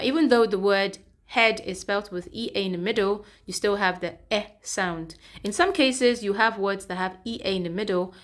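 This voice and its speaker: A woman teacher giving a step-by-step pronunciation lesson, repeating sounds and checking in with "okay". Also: mid-range voice. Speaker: English teacher. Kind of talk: classroom-style pronunciation lesson.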